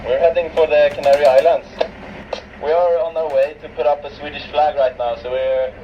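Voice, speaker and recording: A man on another boat talking over a marine VHF radio, using call procedure with hesitant filler pauses. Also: a little high, steady tone, a little hiss or hum. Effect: heard over a marine VHF radio. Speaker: sailor calling from another boat. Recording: distant, dull marine radio speaker.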